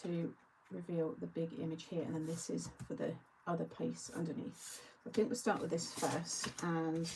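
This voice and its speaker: A woman's voice: low voice, level tone, moderate pace, vocal fry, hardly any pauses, background noise. A woman hosting a live craft-along, chatting casually and answering viewer comments as she works. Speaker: craft show host.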